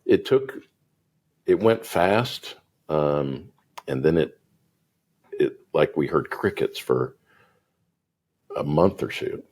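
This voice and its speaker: A middle-aged man with a very deep voice, a guest entrepreneur, tells his business story in casual conversation, slow and pausing often. He's animated and voices the people in his stories.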